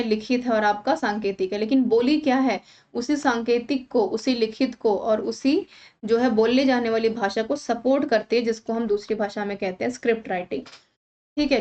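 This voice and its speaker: A woman's voice: a little high, a little mellow, dull audio. A woman teacher talking exam candidates through practice questions, checking in with them often as she explains. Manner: talks viewers through questions, often saying "thik hai". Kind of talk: explanatory exam-prep lesson.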